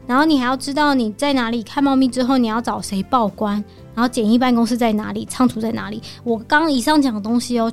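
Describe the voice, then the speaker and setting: Taiwanese woman guest, quick and fairly high, animated storytelling, faint music bed in a studio. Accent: Taiwanese Mandarin. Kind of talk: casual storytelling chat. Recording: studio with light background music.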